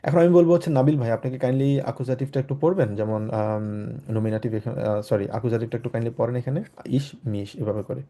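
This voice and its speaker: Dark-voiced patient male language teacher. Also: mid-range voice, fast. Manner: patient, often checks in with "ঠিক আছে?"; mixes English words into his explanations. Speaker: German teacher. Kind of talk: online class lecture.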